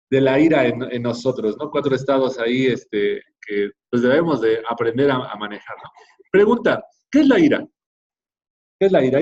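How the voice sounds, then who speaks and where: A man with a Mexican accent leads a church class, talking casually and checking in with his listeners. His voice sits at an ordinary middle pitch. The recording sounds a little dull and lo-fi. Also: a little mellow. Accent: Mexican Spanish. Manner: conversational, frequent tag questions, addresses the class directly. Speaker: Bible class teacher.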